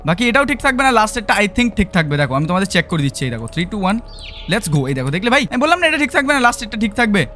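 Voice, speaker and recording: A gaming YouTuber with a Bengali accent delivers excitable let's-play commentary, mixing in English phrases and shouting when startled. He's high-pitched and rapid-fire, with soft music in the background.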